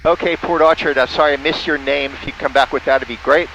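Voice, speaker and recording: A fast-talking man with a fairly high voice and fairly even intonation narrates a small-plane flight casually while making amateur radio calls. He spells callsigns in the phonetic alphabet. The audio sounds dull, and faint engine noise runs underneath.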